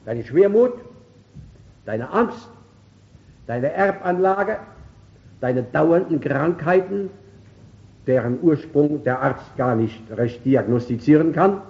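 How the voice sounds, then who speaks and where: A man preaching a sermon emphatically, swinging between loud calls and quiet asides. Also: on the high side, expressive, takes it slowly, gravelly, pauses often, muffled recording.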